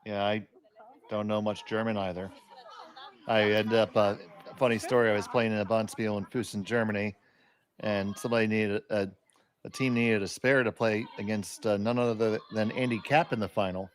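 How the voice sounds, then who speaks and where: A man's voice: fairly low pitch, steady tone, moderate pace, a little hiss or hum. A man doing live curling commentary in a chatty way, adding anecdotes between the shots.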